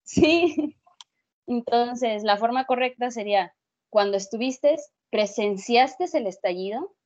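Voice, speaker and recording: A woman co-hosting a casual educational podcast, explaining lively with spoken examples. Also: a little high, takes it slowly. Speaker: podcast co-host. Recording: dull lo-fi sound.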